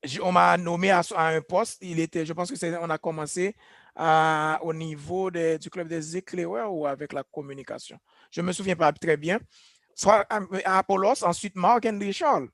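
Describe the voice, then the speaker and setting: Earnest man, high voice. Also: normal speed, fairly bright tone, no echo, clean studio sound. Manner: earnest, reflective, personal testimony. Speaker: church leader. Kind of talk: speaking on leadership. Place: church gathering.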